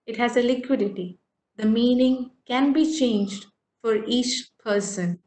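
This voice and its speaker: A woman's voice: a little high, measured pace, mellow. A woman lecturer with an Indian English accent, patiently explaining poetry and often checking that students follow. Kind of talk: online literature lecture. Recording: echoey room.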